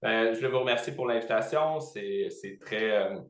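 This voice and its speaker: A man with a Quebec French accent giving halting, conversational answers as an interview guest, in a roomy, echoing recording. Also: lowish voice, a bit bright. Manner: halting, repeats words while searching. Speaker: podcast guest, training professional.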